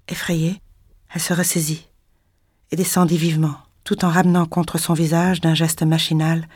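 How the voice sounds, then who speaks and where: Woman, audiobook narration, measured, tense, lower pitch. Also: a little mellow, no room sound, clean studio sound. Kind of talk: scripted literary narration.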